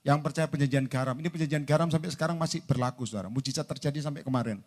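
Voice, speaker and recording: A man preaching a sermon to a congregation. He acts out both sides of conversations and swings from loud to soft. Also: on the high side, racing. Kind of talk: lively sermon. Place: large indoor church hall.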